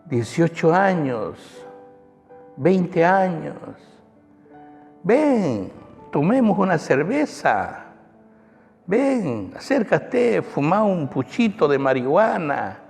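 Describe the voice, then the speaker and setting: A man voicing a smooth-talking young male tempter who coaxes others toward vices. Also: a little high, big pitch swings, drawn-out words, long pauses, a little mellow, voice pushed up, exaggerated voice. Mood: coaxing. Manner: coaxing, wheedling. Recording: long church reverb, faint music.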